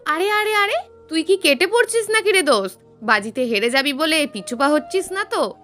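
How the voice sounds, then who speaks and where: Casting: a woman doing taunting college girls in an audio story, bright and lively. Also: high-pitched, moderate pace, soft background music. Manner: mocking, goading. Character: teasing young female college friends.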